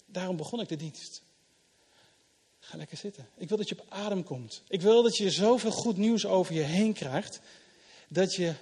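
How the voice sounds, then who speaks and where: A middle-aged man preaching a sermon in a church hall in a conversational manner, swinging between loud emphasis and soft asides. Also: high voice, slightly rough. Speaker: pastor. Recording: long hall reverb.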